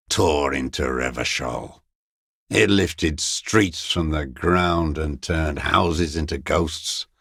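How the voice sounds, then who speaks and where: Game role: elderly revolutionary deserter, bitter and mournful yet defiant. Rock-bottom pitch, slow halting delivery, grave rhetoric. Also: male voice, dry recording, clean studio sound, heavily acted. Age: older. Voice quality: very deep, gravelly, husky. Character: bitter, broken old communist deserter, male, mournful and defiant. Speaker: video game character. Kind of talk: dramatic monologue, game voice acting.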